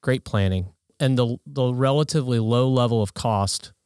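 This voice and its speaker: A man's voice: mid-range voice, moderate pace, a little mellow, clear, resonant tone, dry recording, studio quality. A man explaining things earnestly in a conversational way, as an advisor on a podcast. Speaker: financial advisor, podcast guest. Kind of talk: conversational advice.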